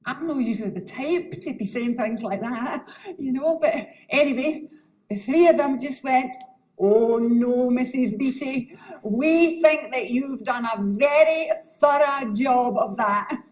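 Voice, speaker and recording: A woman acts as an indignant grandmother in her mid-sixties with a broad Scottish accent. Her voice sits high. She chats in a colloquial, emphatic way, as if telling her story to an interviewer. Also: unhurried, a little mellow, poor audio. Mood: recounting emphatically. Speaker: interviewee in a case study.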